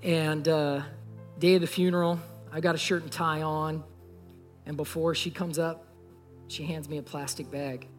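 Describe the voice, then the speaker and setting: A man's voice: fairly high pitch, flat delivery, normal speed. A young man preaching a sermon, an earnest pastor telling a story and speaking straight to the congregation. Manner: earnest, talks straight to the audience. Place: church sanctuary. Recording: echoey hall with faint music.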